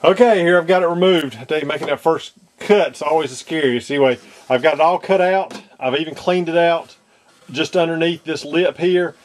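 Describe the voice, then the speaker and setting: A man talking through a model aircraft cockpit install at his workbench, off camera, pausing often with ums and restarts. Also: fairly high pitch. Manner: hesitant, many ums and restarts. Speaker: model kit maker demonstrating installation. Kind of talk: casual how-to demonstration.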